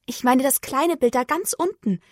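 A woman's voice: sits high, normal speed, a little mellow, no echo, clean studio sound. A woman voicing a cheerful, curious cow mother in a storybook, eager and gushing. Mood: delighted.

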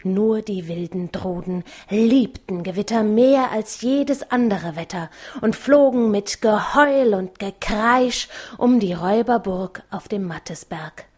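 A woman narrating a children's novel as an audiobook, calm and measured. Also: medium pitch, slightly rough. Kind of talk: audiobook reading.

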